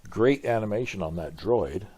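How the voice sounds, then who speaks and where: An older man with a grandfatherly, hesitant manner muses aloud while reacting to a game trailer for his video. His fairly low voice is expressive at a moderate pace, with the trailer's music playing behind him.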